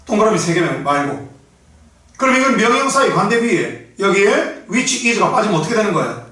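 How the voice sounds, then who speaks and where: A middle-aged man with a Gyeongsang Korean accent teaching English exam prep, blunt and rough-spoken, firing rhetorical questions at his students. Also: high voice, big pitch swings, normal speed, pushed and bright. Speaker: English tutor. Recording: echoey room, mic set at a distance.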